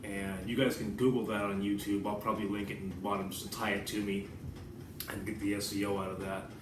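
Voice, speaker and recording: A fairly low-pitched American man, a writer and vlogger from the United States, rambles through a casual vlog monologue at a fairly quick clip, keeping a level tone. His talk is informal and digressive with some swearing. The mic sits far off in an echoey room with background noise.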